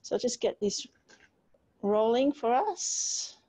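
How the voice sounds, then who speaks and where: A woman's voice: fairly high pitch, animated, slow, dark tone. A middle-aged woman leading an online exercise class, giving encouraging step-by-step cues as she moves along with the group. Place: outdoor home patio with garden wall. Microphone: distant device microphone on a video call. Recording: dull, band-limited video call audio.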